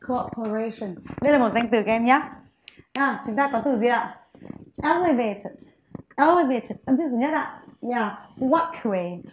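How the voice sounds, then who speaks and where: A woman English teacher giving a vocabulary lesson, saying each word slowly for her students to repeat. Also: a little high, reverberant, a little hiss or hum.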